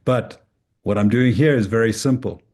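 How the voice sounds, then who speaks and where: A man's voice: medium pitch, normal speed, darkish tone. A man introducing himself at an event panel, speaking in an emphatic, earnest way. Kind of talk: speech at an event.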